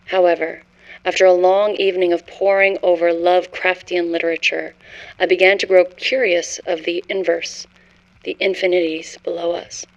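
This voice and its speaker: A woman's voice: on the low side, muffled recording, natural voice. A woman narrating a scripted horror story as a haunted scholar, in a grave, literary first-person manner. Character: haunted scholar confessing forbidden cosmic horror discovery.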